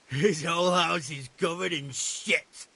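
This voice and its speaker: An actor playing a defiant, hot-headed young village troublemaker in a video game, with a rough-edged voice. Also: male voice, on the high side, a little slow, bright, forceful tone, no echo, full character voice. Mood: defiant, careless.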